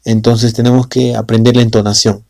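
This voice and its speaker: A man's voice: mid-range voice, flat delivery, fairly quick, gravelly, a little mellow, no echo, clean studio sound. A man teaching a language lesson in a casual way in Spanish with a Latin American accent, often adding tag questions and fillers.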